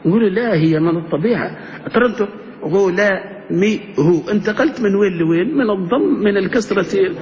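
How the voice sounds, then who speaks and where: A man's voice: high-pitched, brisk, a little mellow, slight background noise. A man teaching grammar to a class, often asking the students questions. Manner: engaging, asks the class questions. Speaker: sheikh teaching Arabic grammar. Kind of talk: classroom lecture. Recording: muffled lo-fi classroom recording.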